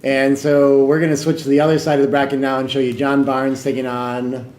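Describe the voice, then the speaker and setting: A man doing casual, joking commentary on a live tournament stream. His remarks often trail off into quieter asides. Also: medium pitch, completely flat delivery, a little fast. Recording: echoey room with some background noise.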